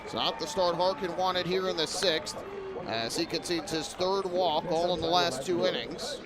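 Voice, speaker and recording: Male baseball play-by-play announcer, slightly high voice. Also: moderate pace, over a noisy crowd. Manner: descriptive, clipped play-by-play phrasing. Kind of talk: live sports commentary.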